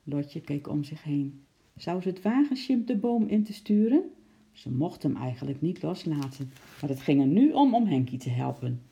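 Dark, gravelly storybook narrator. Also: mid-range voice, big pitch swings, normal speed, lo-fi sound. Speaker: audiobook narrator. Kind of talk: children's story reading.

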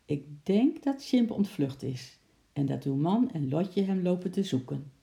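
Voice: medium pitch, very animated, a little slow, vocal fry, mellow. The storyteller voicing a friendly young male zookeeper who talks kindly to a little monkey. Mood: cheerful.

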